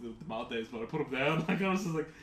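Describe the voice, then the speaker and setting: A man co-hosting a casual gaming podcast, telling rambling, animated stories full of "like"s. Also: medium pitch, very fast. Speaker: podcast co-host. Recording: roomy with faint hiss.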